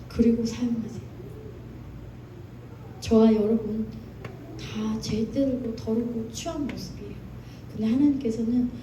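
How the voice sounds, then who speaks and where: A woman's voice: fairly high pitch, dark tone, slight background noise. A woman preacher delivering an impassioned sermon, acting out quoted voices as she goes. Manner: impassioned, acts out quoted voices of God and youth. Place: church sanctuary. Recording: echoey hall, mic at a distance, music behind.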